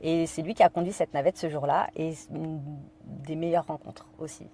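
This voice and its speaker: A woman's voice: deep voice, fairly even intonation, normal speed, dark tone, a little hiss or hum. A woman from France, a podcast guest, telling a personal story in conversation, hesitant with many fillers and quoting her own inner thoughts.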